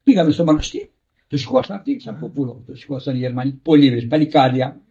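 An older man, a monk elder, recounting a personal anecdote in a halting way, often restarting words and acting out the voices of the people in it. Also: medium pitch, warm tone, husky, lo-fi sound. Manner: halting, repeats and restarts words, acts out quoted dialogue.

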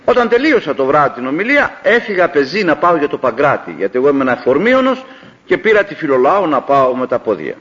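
An older man from Greece, a preacher telling a story in a sermon, acting out the dialogue with animated delivery. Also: a little high. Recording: dull lo-fi old recording.

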